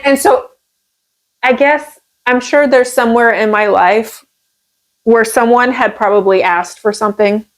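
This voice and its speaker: A woman co-hosting a podcast, wry and quick to laugh. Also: medium pitch. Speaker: podcast co-host. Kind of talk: casual comedic chat.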